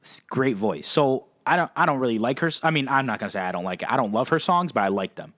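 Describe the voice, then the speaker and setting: A man's voice: mid-range voice, expressive, fast talker, fairly bright tone, no room sound. A man in his twenties co-hosting a podcast in casual chat, laughing easily and repeating his favorite phrases. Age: 20s. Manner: laid-back, laughs often, repeats "that's nuts". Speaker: podcast co-host.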